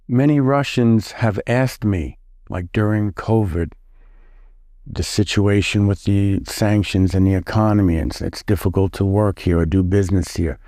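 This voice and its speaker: Middle-aged guy from the us, lowish dark voice, stops and restarts a lot, dry close sound. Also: no echo. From United States. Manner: halting, with many restarts and repeated words. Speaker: interview guest. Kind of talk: casual interview answers.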